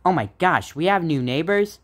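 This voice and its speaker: A man's voice: a little high, animated, moderate pace, fairly bright tone. A man voicing a mildly exasperated, goofy housewife in an amateur sock puppet comedy.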